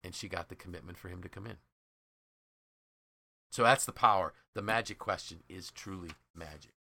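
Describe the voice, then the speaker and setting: Speaking at a moderate pace, a man who hosts a leadership podcast and trains leaders narrates stories with energy and emphasis, dropping into quoted lines as he goes. His voice is fairly low, bright, punchy and creaky, and the sound is dry and close with no room sound.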